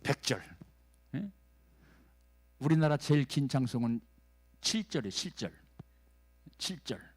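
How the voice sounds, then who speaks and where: Man, pastor, folksy sermon, keeps asking the congregation, loud then hushed. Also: very animated, a little slow, long pauses, slightly rough. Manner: dialect-tinged folksy preaching, constant "eh?" checks to the congregation; swings between loud exhortation and hushed low lines.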